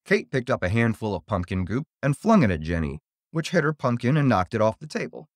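A man reading a spooky children's story aloud, in an expressive, theatrical way. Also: medium pitch, a little fast, no room sound, studio quality.

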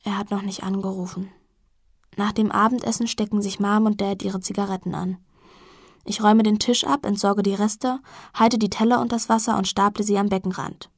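A woman reading a novel aloud in the first person, intimate and at times softly hushed. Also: medium pitch, flat delivery, normal speed, no room sound, clean studio sound. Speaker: audiobook narrator.

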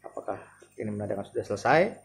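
Here a man in his thirties with a Jakarta Indonesian accent speaks in a fairly low voice, very animated and racing along. As a vlogger trying out a massage chair, he thinks aloud through an informal, hesitant product demo indoors in his living room. Clear background noise and room ambience can be heard.

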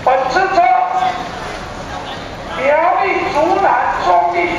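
A man giving a formal, measured train station announcement over the public address system. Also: extremely high pitch. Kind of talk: scripted platform announcement. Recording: distant echoey PA in a large hall, lo-fi, noisy.

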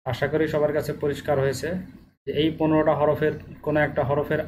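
Man, Bangladeshi Bengali accent, patient teacher, repeats examples, slightly high voice, faint hiss. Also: little pitch movement, fast talker. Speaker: Arabic teacher. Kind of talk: step-by-step language lesson.

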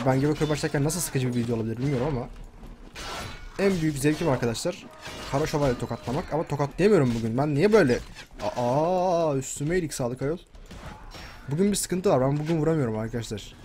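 A congested man from Turkey chats through his gameplay at a mid pitch, calling to his viewers and egging on enemies on screen. He sounds a little under the weather, and keyboard typing clicks now and then behind his desk microphone. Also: fast talker, noisy background. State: sick, congested. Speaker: gameplay commentator. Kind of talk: casual gameplay commentary.

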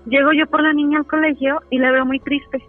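Phoning in, a woman with a high voice, little pitch movement and a fairly quick pace chats through a story. She uses many fillers such as "este", and the tinny line has music in the background.

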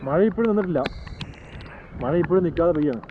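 A man's voice: a little high, animated, quick pace. A man with a Malayali accent chats casually to viewers as a solo travel vlogger, mixing English words into his Malayalam. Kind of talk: casual outdoor vlog chat to viewers. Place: outdoors on a rainy, misty hill roadside. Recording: muffled outdoor audio, clear rain and road noise.

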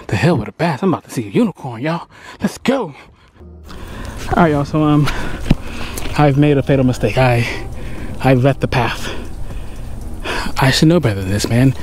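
A man in his forties, a fishing vlogger, talks casually and jokily to viewers, calling them y'all, as he hikes sandy trails through scrubland. His medium-pitched, slightly mellow voice comes through a chest-mounted action camera with a little background noise.

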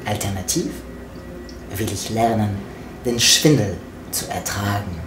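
Reciting a poetic monologue as a trailer for his own book, this spoken word artist from France, whose first language is French, takes it slow with deliberate, theatrical pauses. His voice is on the low side, with lively intonation. Recorded in a small home kitchen indoors, the clip has a roomy echo, background noise and music underneath.

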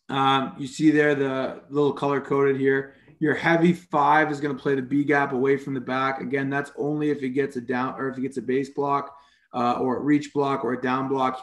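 Over a video call microphone, a Canadian man runs a football coaching clinic, casually explaining defensive structures with lots of fillers. His voice is mid-range and the sound is roomy.

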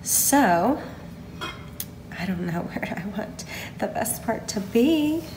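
A woman's voice: medium pitch, animated, slow, echoey room, noisy background. A woman hosting a casual home cooking video, walking through each step and gushing over the food.

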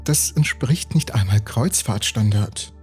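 Man reading as calm, earnest young woman. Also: fairly low pitch, a little slow, soft background music.

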